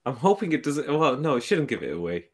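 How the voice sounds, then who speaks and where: A man co-hosting a motoring podcast, his pitch swinging up and down with real animation. He laughs easily and moves between loose chat and reading the show intro. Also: fast talker. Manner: laughs easily, lively delivery. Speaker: podcast co-host.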